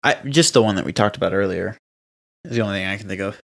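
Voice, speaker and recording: Gravelly and lowish, this young man's voice moves fast as he co-hosts a podcast. The chat is casual, full of laughter and emphatic, animated storytelling.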